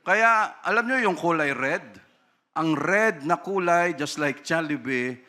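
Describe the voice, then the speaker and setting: A man's voice: fairly high pitch, lively intonation, slow pace, sharp tone. A male pastor preaching a conversational sermon, switching between Tagalog and English and tagging sentences with a questioning "no?". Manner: conversational preaching, frequent tag "no?"; acts out quoted voices.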